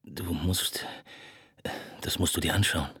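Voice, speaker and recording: A man's voice: deep voice, steady tone, fairly bright tone, breathy edge, no room sound, clean studio sound, voice pushed down, full character voice. A man voicing a broken, stammering drunk on the phone. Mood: bitter. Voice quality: cracked, brittle voice. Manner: halting, stammering, half-whispered. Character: broken-voiced troubled middle-aged man, drunk-sounding. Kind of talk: audiobook dialogue.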